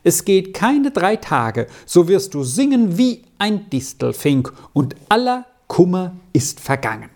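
A storybook reader voicing a kindly, cheerful adult male alpine herdsman who reassures gently. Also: mid-range voice, big pitch swings, unhurried, hardly any pauses, pitched above the performer's own voice. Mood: reassuring. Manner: warm reassuring, gently persuasive. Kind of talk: storybook reading.

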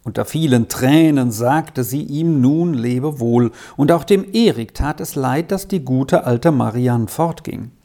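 Slow warm storyteller reading an old kids' book, calm and even. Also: mid-range voice. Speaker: narrator. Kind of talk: audiobook narration of a classic children's story.

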